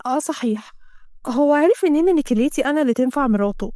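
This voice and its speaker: A woman's voice: high voice, animated, racing, mellow, no echo, studio quality. A woman doing a naive young woman in love. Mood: hurt. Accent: Egyptian Arabic. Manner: eager, breathless wonder.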